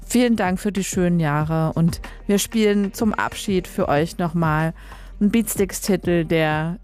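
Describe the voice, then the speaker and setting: A woman from Leipzig, Germany, hosts a radio music show, her voice low-ish, darkish and measured in pace. She talks casually and chattily in colloquial style, trailing off with tag questions, into a close studio radio microphone.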